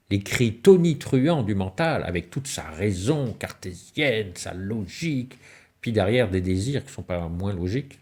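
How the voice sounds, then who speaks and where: A lecturer with a fairly low, slightly mellow, husky voice gives a spiritual talk on alchemy and symbolism. He tells stories, asks rhetorical questions, and lets his voice rise and fall suddenly.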